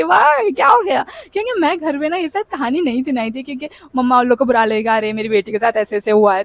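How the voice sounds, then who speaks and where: High-voiced young woman telling a story. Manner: animated, mixing Hindi and English, acting out dialogue. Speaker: storyteller vlogger. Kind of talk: casual storytime monologue.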